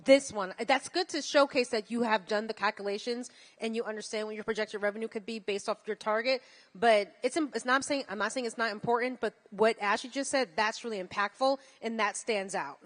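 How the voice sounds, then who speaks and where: A woman running a pitch-event rehearsal, explaining the program order in a matter-of-fact way. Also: brisk, big-room sound. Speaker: event emcee.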